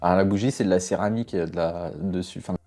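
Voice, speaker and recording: A man's voice: low voice, fast talker, warm tone, faint music behind. A knife sharpener giving casual reaction commentary, a man who talks bluntly, swears, laughs often and sounds exasperated.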